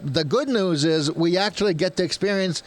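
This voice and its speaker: A man's voice: high voice, normal speed. A man hosting a radio show, teasing his guest in a jokey, casual way. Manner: jokey, teasing, laughs often.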